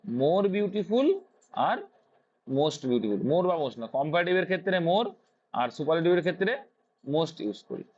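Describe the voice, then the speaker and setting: With a slightly high, somewhat mellow voice and lively intonation, a male tutor with a Bengali accent explains English grammar at a measured pace, pausing often. He asks himself questions and answers them, recorded in dull lo-fi sound.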